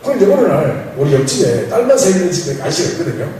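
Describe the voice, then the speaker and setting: A man's voice: a little high, quick pace, slight background noise. A man, a pastor telling playful stories in a sermon and acting out dialogue. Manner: animated, playful, acts out dialogue with laughs. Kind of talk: storytelling sermon. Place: church hall. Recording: echoey hall, mic from far off.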